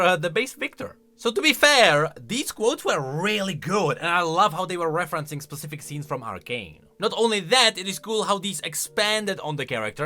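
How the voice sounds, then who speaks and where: Reacting to game lore in a chatty, questioning manner, a male video host speaks into a close studio-style mic. His voice is bright and fairly high, rising and falling animatedly, with faint music underneath.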